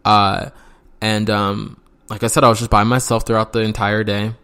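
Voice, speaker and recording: A man's voice: fairly low pitch, level tone, normal speed, fairly bright tone, clear, resonant tone. A young man casually telling a story from his youth, rambling with lots of fillers and frequent swearing. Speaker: vlogger.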